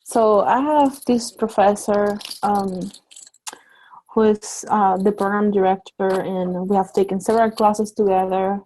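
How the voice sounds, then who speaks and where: Woman, slow and mellow, hesitant workshop participant sharing an experience. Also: mid-range voice, steady tone, a little hiss or hum, rough recording. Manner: hesitant, with fillers. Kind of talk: sharing a personal experience in a group discussion.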